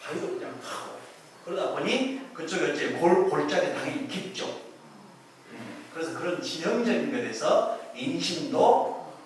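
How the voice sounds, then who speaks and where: A man's voice: fairly high pitch, lively intonation, normal speed, slight background noise. A man giving a chatty public lecture, joking and quizzing his audience. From Korea. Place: lecture hall. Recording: very echoey hall, voice from far off.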